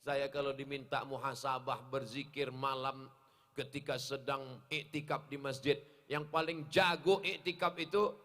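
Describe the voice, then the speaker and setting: A middle-aged man preaching an open-air sermon, joking and acting out little dialogues, swinging between soft asides and loud appeals. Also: mid-range voice, fairly even intonation, unhurried. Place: outdoor field gathering.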